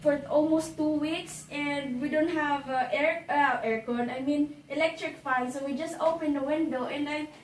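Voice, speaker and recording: Slightly hoarse and high-voiced, a woman from the Philippines keeps a steady tone while chatting through a casual vlog of her house, walking the patio and indoor spaces. She clears her throat, halts often and repeats phrases. Echo fills the recording, the mic is distant, and there is background noise.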